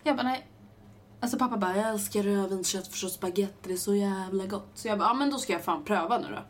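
A young woman chats with a friend in a lively, animated way, filling her sentences with fillers. Her voice is mid-pitched, and faint room ambience sits in the background. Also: a little hiss or hum. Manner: animated, chatty, full of fillers. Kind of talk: casual chat.

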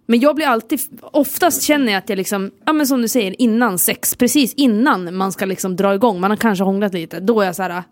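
A woman's voice: medium pitch, few pauses, no room sound, clean studio sound. A young woman co-hosting a casual chat podcast, with playful, teasing reactions. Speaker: podcast co-host.

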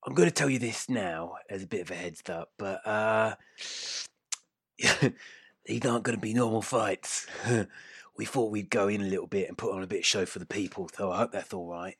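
A man's voice: fairly low pitch, moderate pace, a bit bright, breathy edge, no room sound, studio quality. A man putting on a lisping old ex-fighter. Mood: breezy. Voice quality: lisp. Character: battered old retired male pit-fight boss.

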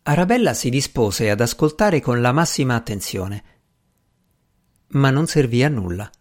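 A man reading an audiobook with an expressive, measured delivery. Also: mid-range voice. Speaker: audiobook reader. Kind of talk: audiobook narration.

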